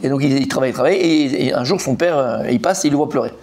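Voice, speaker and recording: A man, a rabbi, teaching a Talmud class in a lively, repetitive storytelling manner that acts out the characters. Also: medium pitch, racing.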